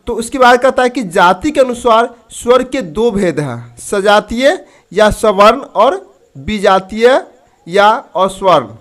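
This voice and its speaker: A male grammar teacher with a high voice. He asks his class a question and then answers it himself. He draws out each key term slowly as he explains it. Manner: drawls key terms slowly. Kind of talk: grammar lesson.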